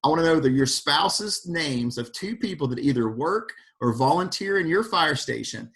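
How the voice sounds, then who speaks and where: Animated man leading an online workshop. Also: a little high, moderate pace. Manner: animated, questions the audience by name. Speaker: fire service speaker leading an online workshop. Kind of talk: energetic motivational talk.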